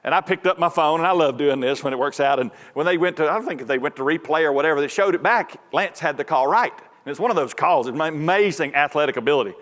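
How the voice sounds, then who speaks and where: A man preaching a sermon as pastor, moving from folksy storytelling into loud, fervent preaching. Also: fairly high pitch, fast, hardly any pauses. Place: large church sanctuary. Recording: reverberant church hall.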